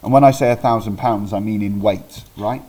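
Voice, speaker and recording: Low and dark in tone, a Welsh man talks a little fast through a casual recorded history lesson. He is chatty, with frequent ums and restarts and an occasional correction of himself.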